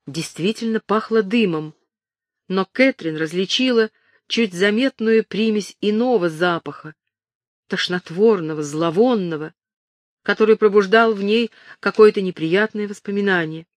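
A woman reading a historical novel aloud in steady, measured narration. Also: medium pitch, no room sound, clean studio sound. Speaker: audiobook narrator. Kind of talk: scripted narration.

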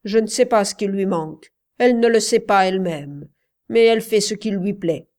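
A woman's voice: medium pitch, a little mellow, lightly acted. Woman reading a grim, stubborn miner. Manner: slow, harsh, heavy.

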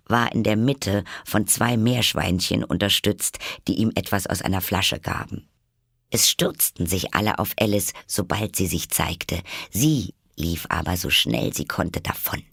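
A man reading a storybook aloud in a lively, expressive way. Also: low voice, creaky, husky, no room sound, clean studio sound. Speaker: audiobook reader. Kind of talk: storybook narration.

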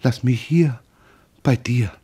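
A man reading the lines of a grieving, frightened mother in an audiobook, in a slow, mournful confessional manner. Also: mid-range voice, dark tone, husky, voice pushed up. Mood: pleading.

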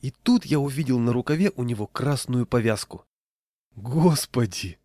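A man's voice: mid-range voice, animated, brisk, dark tone, no echo. A man narrating a humorous first-person story in a wry storytelling manner, close to the mic. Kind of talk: storytelling reading.

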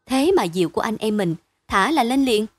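Caring schoolboy brother, read by a woman, plain and reassuring, fairly high voice, dry close sound. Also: lively intonation, brisk, no echo. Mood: steady.

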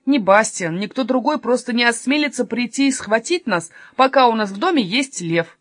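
Kasper, a woman doing a loud bossy robber. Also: fairly high pitch, expressive, moderate pace, no echo, clean studio sound. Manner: exclaiming, shouting. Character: loud bossy male robber, quick to anger.

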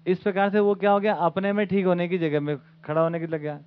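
Man leading a study session, chatty lecturing tone, rhetorical asides, slightly raised pitch, narrow phone-like sound. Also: fast talker, clean tone. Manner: conversational, asks the audience rhetorical questions. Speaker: teacher leading a study camp. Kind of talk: informal lecture to an audience. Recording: phone-like lo-fi recording.

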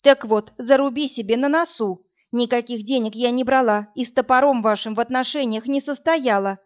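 Woman doing a scared but defiant captive girl, tense and fairly high, dull lo-fi audiobook. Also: normal speed, close to an everyday voice. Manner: pleading then sharp, tense.

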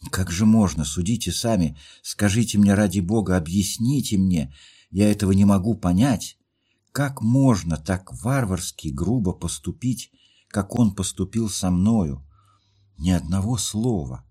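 A man's voice: low-pitched, expressive, a little slow, mellow, breathy edge, voice pushed up, full character voice. A man reading a story aloud, voicing a hurt young woman who pleads through tears. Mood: pleading. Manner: impassioned, pleading questions.

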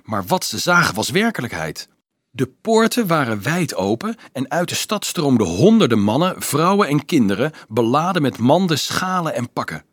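A man reading a novel aloud as an audiobook narrator, expressive and shifting his voice for the characters. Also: medium pitch, normal speed, dry recording, clean studio sound.

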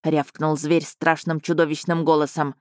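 A woman narrating a fantasy audiobook in the first person, lively and expressive. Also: low-pitched, normal speed, no echo, clean studio sound. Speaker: audiobook reader.

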